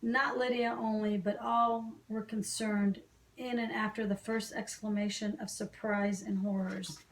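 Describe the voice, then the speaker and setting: A woman volunteers as an amateur audiobook reader, giving a scripted literary narration of a classic novel. Her medium-pitched voice has little pitch movement and is a little slow. The room is echoey, the mic slightly distant, with a little hiss or hum.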